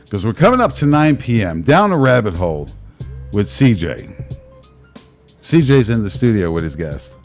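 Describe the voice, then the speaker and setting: Man, Brooklyn accent, lowish pitch, animated intonation, rambling casual host chat, faint background music. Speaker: talk show host. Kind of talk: casual live show chat.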